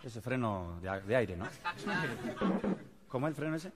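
A man's voice: mid-range voice, expressive, normal speed. A man with an Argentine Spanish accent telling jokes, acting out the characters in funny voices and laughing along with them. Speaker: comedian. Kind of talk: stand-up joke telling. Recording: audience noise behind the voice. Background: crowd.

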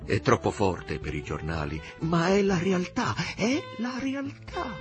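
A man's voice: high voice, very animated, faint music behind, voice pushed up. A man playing a fervent, stubborn young writer. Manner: fervent, defiant, sometimes halting. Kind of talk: audiobook character reading.

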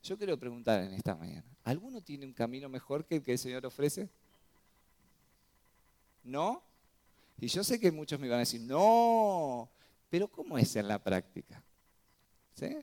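A man's voice: medium pitch, sing-song, moderate pace, pauses often, a little mellow. A male pastor with a Rioplatense Spanish accent, preaching a sermon and often asking his congregation questions. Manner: asks the congregation frequent rhetorical questions, checks with "¿sí?". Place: church.

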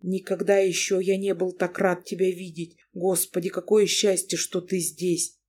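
A woman's voice: lowish voice, flat delivery, moderate pace, darkish tone, breathy edge. Brief: anxious, pleading young husband in a woman reader's own voice; audiobook reading. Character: frightened remorseful young husband.

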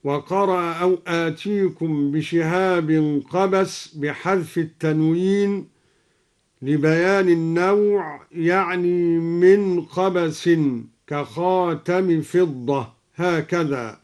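A man explaining Quranic reading variants in a measured, scholarly way and chanting each verse slowly and melodically as an example. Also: on the high side, a little mellow. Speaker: Quran recitation teacher introducing radio episodes. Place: radio studio.

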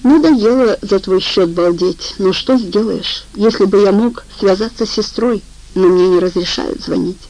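A woman voicing a drugged young man in a psychiatric ward who speaks lazily with a soft Caucasian accent. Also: medium pitch, moderate pace, lightly acted, rough recording. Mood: languid. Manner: soft, sluggish, lazy.

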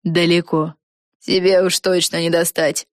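A woman's voice: lowish voice, steady tone, no echo, clean studio sound, close to an everyday voice. Woman voicing a sneering young witch villain. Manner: cold, mocking, slow threats.

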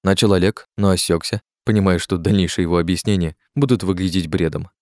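Deep-voiced male audiobook narrator. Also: a little fast, a little mellow, dry recording, clean studio sound.

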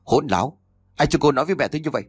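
An arrogant, cold husband, voiced by a male narrator, speaking with clipped contempt. His pitch swings widely, and the sound is dry and close. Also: sing-song, fast, no echo. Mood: contemptuous. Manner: contemptuous and hissing through teeth.

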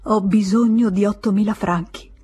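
A woman reading an audiobook voices a desperate young woman in debt, passionate and pleading, urgent and at times hushed. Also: mid-range voice, fairly even intonation, normal speed, husky, close to an everyday voice.

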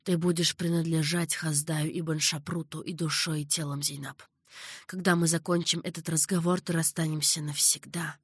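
A woman's voice: low voice, level tone, normal speed, slightly rough, no echo, studio quality. A woman voicing an older male caliph who speaks earnestly, patiently and with sorrow. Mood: sorrowful. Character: older male caliph, grave and tender ruler.

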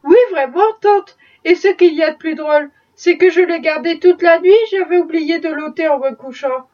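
A woman reading aloud, voicing a gentle, kind young girl. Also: very high voice, moderate pace. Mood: cheerful. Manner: soft, kind. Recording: dull distant recording.

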